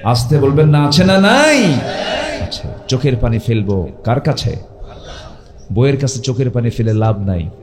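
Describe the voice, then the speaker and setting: A man with a Bangladeshi Bengali accent preaching a waz sermon. He calls on the crowd to answer loudly, rises to sudden high shouted climaxes and chants Quran verses in a sung style. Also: sing-song, moderate pace, long pauses, reverberant, background noise.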